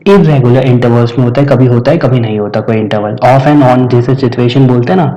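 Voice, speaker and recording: A man's voice: mid-range voice, fairly quick, mellow, lo-fi sound. A man teaching vocabulary, explaining patiently and repeating each answer for his students. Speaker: English teacher. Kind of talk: vocabulary lesson.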